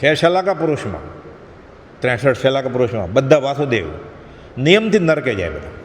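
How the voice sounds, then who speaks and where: A spiritual lecturer in a satsang hall delivers an earnest devotional discourse, admonishing his listeners and acting out short quoted prayers. His medium-pitched voice swings widely in pitch at a moderate pace. Long hall reverb and faint ambient noise color the recording.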